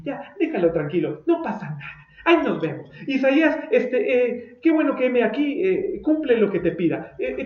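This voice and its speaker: A preacher voicing a casual, indulgent male God who fusses fondly over a kneeling prophet, in a roomy, dull recording. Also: high voice. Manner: chatty and indulgent, like a fond parent. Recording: roomy echo, dull lo-fi sound.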